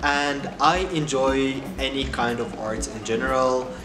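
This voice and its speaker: Slow, thoughtful man from Egypt. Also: mid-range voice, steady tone. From Egypt, Cairo. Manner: thoughtful, hesitant, many ums and restarts. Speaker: guest artist. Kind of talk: casual interview answers. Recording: echoey room with loud background music.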